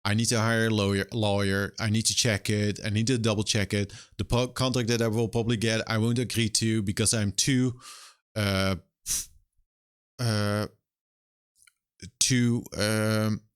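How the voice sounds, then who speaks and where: A man's voice: fairly low pitch, level tone, measured pace, clean tone. A young man streaming live and ranting in a casual, exasperated way, swearing often. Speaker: streamer and game developer. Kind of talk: casual livestream rant.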